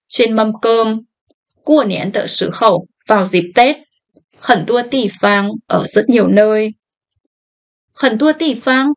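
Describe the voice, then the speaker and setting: A woman teaching a language lesson, reading each phrase slowly and then explaining it. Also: on the high side. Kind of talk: slow line-by-line language lesson.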